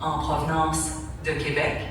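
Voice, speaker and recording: A train station announcer reading a formal bilingual arrival notice over a PA system, slow and measured. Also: mid-range voice, completely flat delivery, noisy background. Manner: slow, measured, evenly paced delivery. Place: large indoor train station. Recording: echoey station hall from far off, with music.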